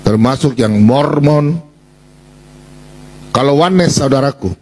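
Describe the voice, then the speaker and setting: A man's voice: mid-range voice, lively intonation, a little slow. Combative man in a noisy voice chat. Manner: confrontational, shouting insults and repeating himself. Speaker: online debate host. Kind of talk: heated live voice-chat debate.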